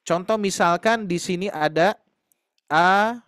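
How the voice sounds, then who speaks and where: A man teaching a Quran reading class, explaining slowly with many fillers and speaking directly to his students. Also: high-pitched, expressive, no room sound, clean studio sound. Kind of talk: online tahsin class lecture.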